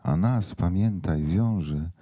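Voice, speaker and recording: A tender, anxious young mother torn between love and duty, as a man reads her. His voice is very deep and dark, and he paces the lines slowly. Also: breathy edge, heavily acted.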